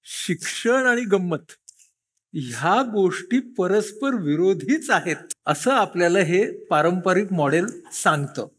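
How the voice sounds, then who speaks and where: A man's voice: sits high, lively intonation, slow pace, slightly rough. A man interviewing a guest, mostly giving short acknowledgements and then summing up reflectively. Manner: brief attentive backchannels, reflective questions.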